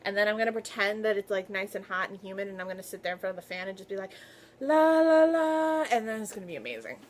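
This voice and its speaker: A woman talking casually to her viewers in a book haul video, gushing and excitable. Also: medium pitch, very fast. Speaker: book vlogger.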